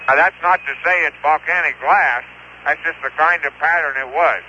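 A man describes rocks over a muffled radio channel, stopping and restarting as he thinks aloud. His voice sounds very bright and tense, with a faint hiss under it. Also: a little high. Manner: halting and hesitant, many fillers and restarts. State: talking while eating. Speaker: field geologist reporting over radio.

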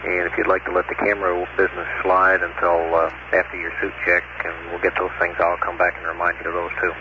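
A mission control radio operator speaking in brisk, businesslike radio procedure with frequent "uh" pauses, heard over a crackling space radio link. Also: male voice, low voice, completely flat delivery. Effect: crackling space radio transmission. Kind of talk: clipped radio procedure talk. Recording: noisy muffled archive radio link.

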